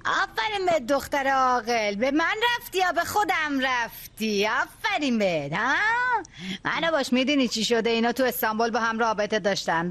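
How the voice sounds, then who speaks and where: A woman's voice: low-pitched, creaky, heavily acted. An actress playing a meddling middle-aged mother in a dubbed drama, bossy and scolding. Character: meddling gossipy mother, sharp-tongued and bossy. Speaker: scheming mother.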